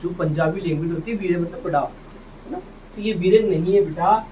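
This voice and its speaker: A man's voice: sits high, moderate pace, dark tone. A man teaching English phonics to a classroom, drilling each word by repeating it and asking the students back, and calling them "beta". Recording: distant, dull, noisy classroom recording.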